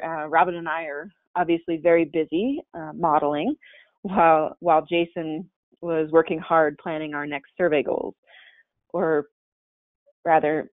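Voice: mid-range voice, no echo. A caver giving a casual, chatty slide-show presentation in a webinar, with many fillers and restarts. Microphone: webinar call mic. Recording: tinny, dry webinar call audio.

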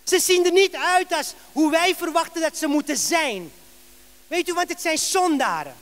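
A male pastor preaching a sermon in a church, telling a story with lively rhetorical questions. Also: very high-pitched, normal speed.

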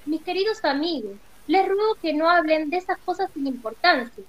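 A woman's voice: very high-pitched, animated, moderate pace, pitched above the performer's own voice, low-quality recording. A woman voicing a frightened old male humbug wizard who pleads nervously. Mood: timid.

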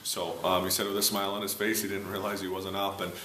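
Deep, flat-voiced hockey coach talking fast. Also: male voice. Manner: fast, filler-heavy recap with frequent restarts. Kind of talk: post-game interview. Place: arena locker room, indoors. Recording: roomy locker room with clear background noise.

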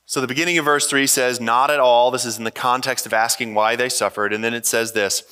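A pastor preaching a sermon to his church in an earnest, conversational way, pausing often to talk straight to his listeners. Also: mid-range voice, fairly even intonation, pushed and bright, smooth, in a large hall. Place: church stage.

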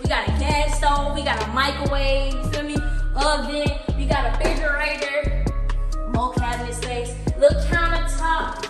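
A woman's voice: high-pitched, steady tone, moderate pace. A woman in her twenties giving a casual, slangy house tour vlog, calling out to viewers and hyping each room. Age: 20s. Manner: hype, slangy, addresses viewers as y'all. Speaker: vlog host. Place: empty house, indoors, bare rooms. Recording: echoey empty rooms with loud music.

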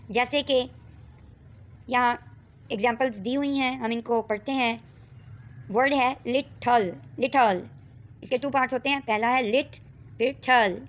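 A woman teacher with a Pakistani accent giving a textbook lesson, reading English words and sentences slowly and clearly, then explaining them. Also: a little high.

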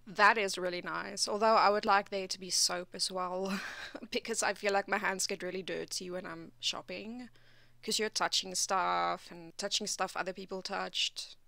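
A woman's voice: medium pitch, fairly even intonation, normal speed, gravelly, sharp tone, no echo. A woman hosting a reaction channel, giving skeptical and critical commentary.

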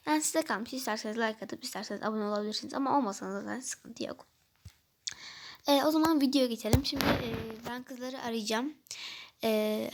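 A woman with a fairly high voice talks over her toy game video in casual narration. She rambles and hesitates, leaning on fillers as she goes.

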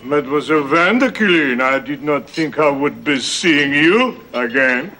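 A man's voice: fairly high pitch, expressive, measured pace, background noise. A man playing a fawning, theatrical maître d', who talks in flowery phrases. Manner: flowery, ingratiating, sprinkles French phrases. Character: fawning male French maitre d', theatrical.

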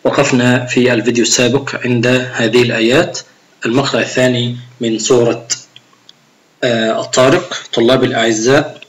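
Arabic religion teacher coaching young pupils. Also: male voice, medium pitch, level tone, a little fast. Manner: explains rules step by step and demonstrates pronunciation; addresses pupils directly and encourages them. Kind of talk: recorded video lesson on Quran recitation.

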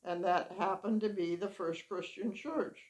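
A woman's voice: medium pitch, steady tone, unhurried, poor audio. An elderly woman recalling her lifelong church involvement in a plain, matter-of-fact way, seated at home. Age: older. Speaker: interviewee, longtime church member. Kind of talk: reminiscing interview. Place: living room, seated in armchair. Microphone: lavalier mic.

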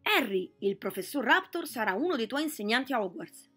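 A huge, good-natured giant speaks up heartily and loudly, as a woman reading aloud plays him. He is friendly and booming in this storybook telling. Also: sing-song, fairly quick, husky, faint music behind, full character voice. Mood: hearty.

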